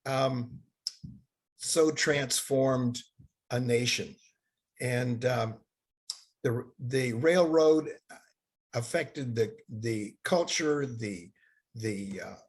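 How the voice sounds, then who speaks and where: An older man who grew up in Bangladesh gives a halting seminar lecture over slides, full of fillers and restarts. His voice is mid-range and slightly rough.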